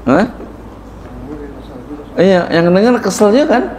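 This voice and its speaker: A man, a kiai giving a sermon-style lesson on a classical text. He reads Arabic lines, then explains them in casual Indonesian with lively emphasis. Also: high voice, slow pace. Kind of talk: sermon-style kitab study. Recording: echoey room with faint ambience.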